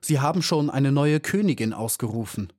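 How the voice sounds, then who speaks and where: A man's voice: mid-range voice, normal speed, no echo, studio quality, pitched above the performer's own voice, natural voice. A man voicing a friendly, agitated young male drone bee with an urgent manner, in a storybook reading. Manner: excited, urgent.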